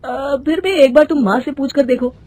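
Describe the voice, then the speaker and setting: A woman's voice: high voice, normal speed, close to an everyday voice. Woman voicing a mild young husband. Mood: calm. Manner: gentle, reasonable.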